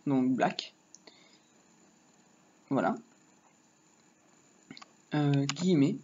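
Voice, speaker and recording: A man's voice: fairly high pitch, drawn-out words, darkish tone. Male tutor, casual and rambling, drawling through a coding lesson, muffled home mic with keys clacking. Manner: rambling, joking asides, talks while typing. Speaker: HTML tutorial teacher. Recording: dull lo-fi mic with faint noise. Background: keyboard typing.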